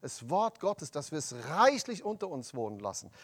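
A man preaching a sermon, emphatic and rising to loud proclamations of scripture. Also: fairly high pitch, very animated, normal speed.

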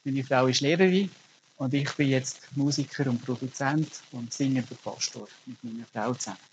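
A middle-aged man from Germany preaches a sermon as a pastor, telling stories earnestly with emphatic rises. His medium-pitched voice moves at a moderate pace, with the highs cut off and slight background noise.

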